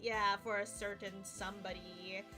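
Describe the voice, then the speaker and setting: A woman's voice: medium pitch, little pitch movement, moderate pace, over music. A woman streamer chatting casually during a game, giggly and a little self-conscious. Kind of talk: casual chat while voicing game dialogue.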